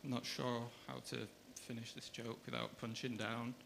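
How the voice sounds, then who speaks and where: A man doing stand-up comedy on a comedy club stage, with a deadpan, hesitant delivery. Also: medium pitch, moderate pace, creaky, background noise.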